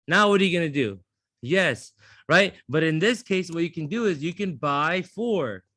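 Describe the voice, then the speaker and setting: Male instructor, slightly high voice, dry close sound; brash, swearing, rambling teacher running a class. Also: lively intonation, normal speed, sharp tone, no room sound. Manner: blunt, profane, rambling restarts. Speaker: trading instructor.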